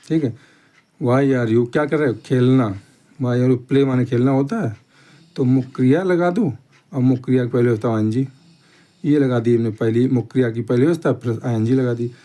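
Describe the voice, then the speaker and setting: Speaking in a dark, mid-range voice, a man explains grammar gradually to a class. He repeats each point and pauses often to ask "theek hai," keeping the pace slow.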